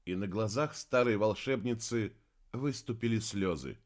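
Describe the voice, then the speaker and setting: A man narrating a fantasy audiobook with a dramatic, expressive reading. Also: fairly low pitch, normal speed.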